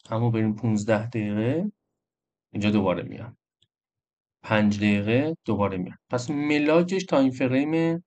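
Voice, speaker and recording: A man's voice: mid-range voice, darkish tone. A man hosting a trading channel, walking viewers through an indicator in a casual, chatty screen-recorded tutorial. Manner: casual, addresses viewers as friends.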